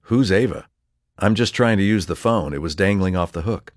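A man doing a soft-spoken puzzled stranger. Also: low-pitched, normal speed, no echo, studio quality, natural voice. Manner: soft, mildly confused.

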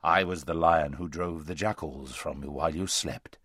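A man reading aloud and voicing a huge male lion that speaks slowly, gravely and gently. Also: a bass voice, dry recording, clean studio sound, pitched below the performer's own voice. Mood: solemn. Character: huge, calm, deep-voiced male lion.

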